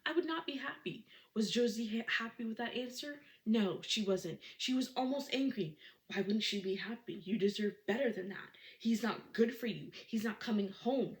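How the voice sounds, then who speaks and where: A woman's voice: mid-range voice, moderate pace. A woman giving a casual, dramatic book recap, full of rhetorical questions.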